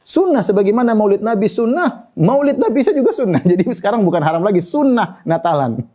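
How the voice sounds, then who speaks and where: A man's voice: sits high, very animated, quick pace, dark tone. A male preacher giving a lecture-style sermon, asking rhetorical questions and mixing in casual everyday phrasing. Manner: rhetorical questions, plain colloquial asides.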